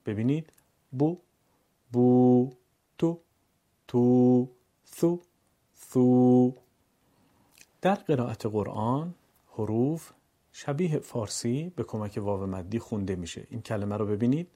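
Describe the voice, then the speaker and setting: A man teaching how to read Quranic words, explaining calmly and slowly stretching sounds in recited examples. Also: mid-range voice, husky. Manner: calm explaining, then stretching vowels slowly and louder for examples. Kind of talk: instructional lesson with slow drawn-out recitation examples.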